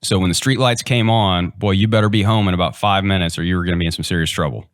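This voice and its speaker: A man hosts a podcast and chats with his guest in a friendly, relaxed way. His voice is on the low side. The sound is dry, with no room echo. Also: quick pace. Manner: friendly, easygoing questioning. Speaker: podcast host. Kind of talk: casual podcast interview.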